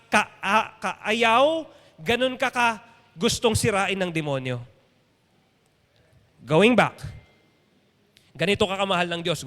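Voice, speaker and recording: A man's voice: sits high, fairly bright tone, long reverb tail. A man with a Filipino accent preaching a sermon as pastor, emphatic and repetitive as he leads his listeners along.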